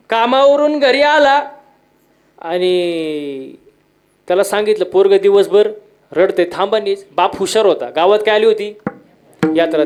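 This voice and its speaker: A man giving a humorous devotional kirtan sermon, telling stories with repeated refrains and quizzing the crowd for answers. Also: high-pitched. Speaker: kirtan preacher.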